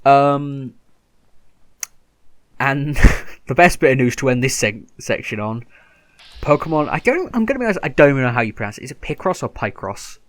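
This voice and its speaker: A man at a mid-level pitch hosts a laid-back gaming podcast. He rambles through news with lots of restarts and keeps an upbeat tone. The sound is dry and close, with no room echo. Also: animated, brisk, pauses often. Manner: rambling, self-correcting, upbeat news rundown. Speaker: podcast host. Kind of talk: casual gaming podcast chat.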